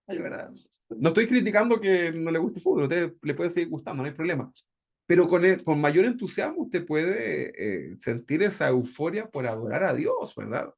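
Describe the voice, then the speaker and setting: A man's voice: a little high, expressive, normal speed, gravelly. A man teaching a Bible discipleship class in a conversational way, often checking in with "¿verdad?". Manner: conversational, keeps asking "¿verdad?".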